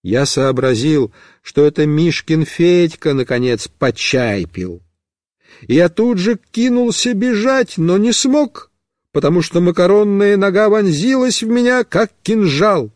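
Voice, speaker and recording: Animated man reading a children's story. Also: high-pitched, measured pace, dry recording, clean studio sound. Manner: animated first-person storytelling. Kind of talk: scripted narration of a children's story.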